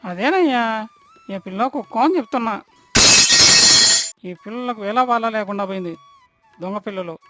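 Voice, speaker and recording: A man voicing a shrill, eager servant who runs to tell his master everything in a cartoon story. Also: normal speed, long pauses, over loud music. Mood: tattling. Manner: excited, shrill.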